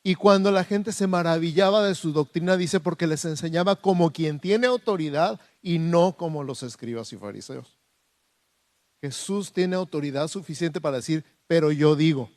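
A man, a pastor praying softly and then preaching with emphasis in a church. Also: on the high side, moderate pace, no echo, studio quality. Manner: emphatic preaching, soft prayer. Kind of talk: sermon.

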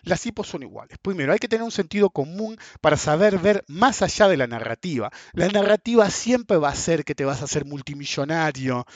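A market commentator in his forties, with a Rioplatense accent and a slightly high voice, speaks in an animated, brisk way with few pauses. His casual market monologue is crude and blunt, peppered with "ok?". The lo-fi sound is dull and dry, with no room sound.

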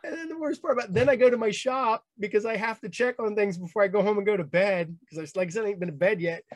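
A man with a high-pitched voice tells long, rambling stories in a relaxed podcast chat. He talks with many fillers and little laughs. The recording is close and dry, with no room sound. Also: fast, no room sound. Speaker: podcast host. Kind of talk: casual storytelling chat.

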